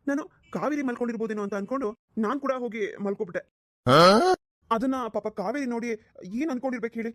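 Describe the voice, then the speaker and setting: A woman's voice: on the high side, quick pace, dry recording, lightly acted. A woman voicing a flustered young husband in a cartoon, pleading and exasperated. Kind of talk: cartoon voice acting.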